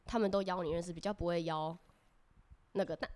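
A young woman from Taiwan with a Taiwanese Mandarin accent, chatting as a podcast guest, animated and talkative, laughing often. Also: fairly low pitch, fairly quick. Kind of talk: casual chat.

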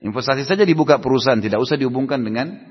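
A man preaches to a study gathering, answering questions in a loose, conversational manner and throwing rhetorical questions at his listeners. His voice is a little husky, at a middling pitch. The sound is dull and lo-fi, with a long hall echo around it. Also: lively intonation, very fast. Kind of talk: sermon Q&A at a religious study gathering.

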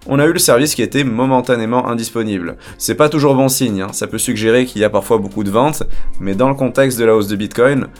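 A man hosts a weekly crypto news show, reading headlines with an upbeat presenter's delivery and the odd joking aside. His voice sits at a middle pitch. Soft music plays faintly under him. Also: fast talker.

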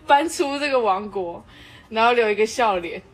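A woman with a Taiwanese Mandarin accent tells a story in relaxed podcast banter, with a fairly high voice and frequent laughter. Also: normal speed. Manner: laughs often while telling a story. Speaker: podcast co-host; tattoo apprentice. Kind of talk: casual chat.

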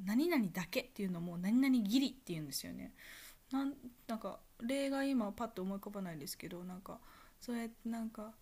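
A young woman with a Kansai accent, talking casually on her own podcast in a soft, rambling way full of fillers. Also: mid-range voice. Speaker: podcast host. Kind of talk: casual solo monologue.

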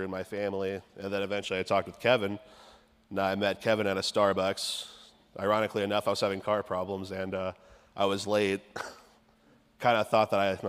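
Deep, flat-voiced young man in a reverberant church. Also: clean tone. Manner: halting and rambling, full of fillers. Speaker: church member giving a baptism testimony. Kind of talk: personal testimony. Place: church sanctuary.

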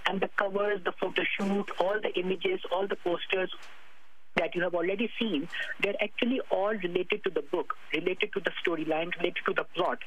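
A high-voiced man with a Pakistani accent speaks as a guest author in a radio interview. He promotes himself, repeating phrases and naming himself in the third person. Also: steady tone, brisk, a bit bright, highs cut off.

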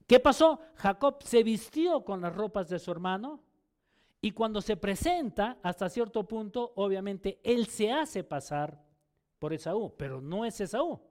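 A man's voice: high-pitched, animated, a little slow, darkish tone. A man preaching a sermon, who often restarts and repeats words as he explains and asks his listeners rhetorical questions.

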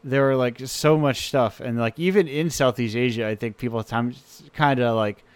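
A man's voice: medium pitch, normal speed, clear, resonant tone, dry recording. A man hosting a radio show, talking in an enthusiastic, rambling way with many restarts. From United States. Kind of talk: casual chat.

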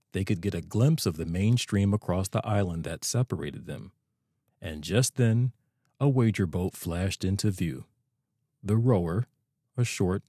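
Calm male bedtime narrator, low and mellow voice, dry close sound. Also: no room sound. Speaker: audiobook narrator. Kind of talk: bedtime story reading.

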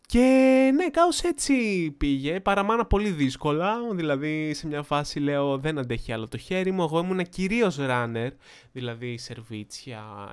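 A young man from Greece telling a casual, chatty story to his viewers and acting out quotes with sudden jumps in pitch. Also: a bit bright, clean tone. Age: young adult. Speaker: vlogger.

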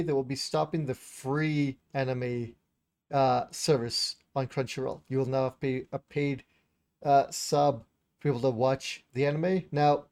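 Dude with a mellow voice on a podcast going over anime news, kinda hesitant, lots of uhs. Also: male voice, mid-range voice. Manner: hesitant, laughs often, loose and informal. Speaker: podcast co-host. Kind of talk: casual chat about anime news.

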